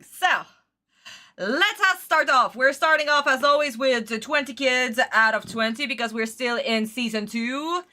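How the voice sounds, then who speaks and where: Bright, effusive woman streamer. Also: on the high side. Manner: effusive, theatrical, uses endearments. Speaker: streamer reacting to anime. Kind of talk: casual livestream reaction chat.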